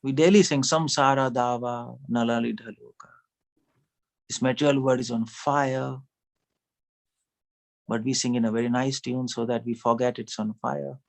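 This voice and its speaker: A man's voice: medium pitch, steady tone, normal speed, gravelly, long pauses. Man giving a chatty, questioning sermon. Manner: conversational, asks the audience questions, laughs often. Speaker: speaker at a devotional gathering.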